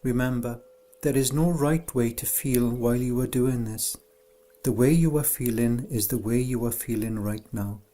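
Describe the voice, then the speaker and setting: In a medium pitch, a male instructor reads a scripted guided meditation aloud. The delivery is calm, tender and leisurely.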